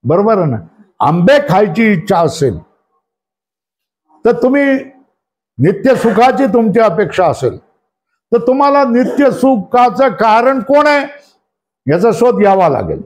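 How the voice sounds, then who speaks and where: Leading a scripture class, a high-pitched male spiritual teacher speaks unhurriedly with big pitch swings, frequent pauses and a darkish tone. He keeps firing questions at his students and checking for agreement, and instructs them to number and underline passages.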